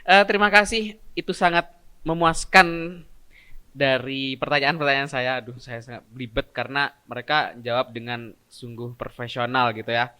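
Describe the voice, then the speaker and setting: Bright-voiced young male podcast host. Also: mid-range voice, normal speed, smooth. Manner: relaxed, frequent short backchannels and jokey asides. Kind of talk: casual podcast chat.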